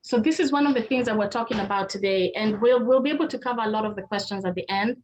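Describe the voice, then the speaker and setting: A middle-aged Kenyan marriage therapist hosts a webinar over an online video call, talking straight to her listeners in a casual, conversational way. Her voice sits fairly high and she speaks quickly. There is noise in the background.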